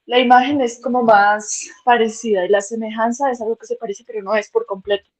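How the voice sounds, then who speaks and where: A woman's voice: a little high, fairly even intonation, a little fast, poor audio. A woman taking part in a Bible class, answering questions tentatively as she thinks aloud. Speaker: class participant.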